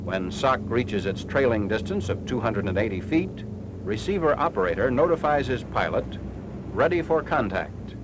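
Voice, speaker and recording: An American man with a mid-pitched voice reads formal, clipped instructions for a 1940s military training film at normal speed, with a sing-song quality. The vintage soundtrack is noisy.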